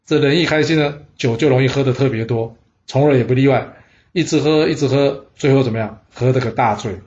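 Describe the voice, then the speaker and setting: A male storyteller recounting a historical tale in a lively, chatty manner, breaking in with rhetorical asides. His pitch sits in the middle range. The recording has a slightly dull, lo-fi sound. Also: fairly quick.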